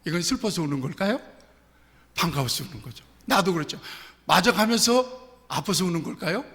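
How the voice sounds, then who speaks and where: High, lively preaching man in echoing church. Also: a little fast. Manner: animated preaching with rhetorical questions and personal stories. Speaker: pastor. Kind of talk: sermon. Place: church sanctuary. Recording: long church hall reverb.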